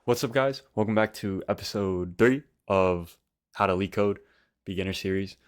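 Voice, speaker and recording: A young man with a fairly low voice hosts a casual tutorial. He has a slight lisp from wearing a retainer. He talks informally and slangily, thinking aloud in short, broken phrases. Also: normal speed. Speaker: tutorial host.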